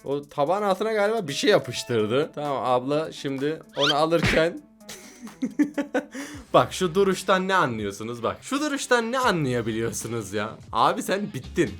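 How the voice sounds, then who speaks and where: Joking young man, lively voice. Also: fairly high pitch, normal speed, soft background music. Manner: joking, chatty, laughs often. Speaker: YouTuber host. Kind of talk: casual reaction commentary.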